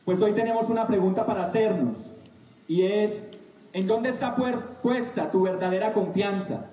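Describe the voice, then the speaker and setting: A man preaching a sermon, slow and emphatic with dramatic pauses. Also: high voice, warm tone, distant mic. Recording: echoey room, voice off-mic.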